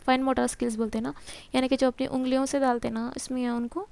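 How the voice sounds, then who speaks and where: A woman's voice: high voice, level tone, gravelly, a little mellow, clean tone, dry recording. A woman teacher walks through a textbook lesson, asking and answering her own questions and mixing in English terms. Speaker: exam-prep teacher.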